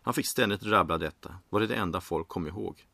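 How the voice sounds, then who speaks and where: A man's voice: sits low, gravelly, pushed and bright, dry recording. A man narrating a comic story in a dry, matter-of-fact way.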